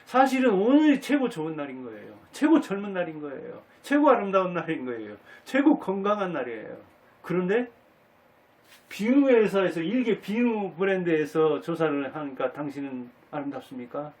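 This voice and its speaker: A man's voice: a little high, distant mic. A man from the Jinan area of South Korea hosting a lecture-style talk. He asks rhetorical questions and repeats key words for emphasis. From Jinan, Jeolla, South Korea. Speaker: channel host giving a life talk. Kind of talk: monologue lecture on happiness in old age.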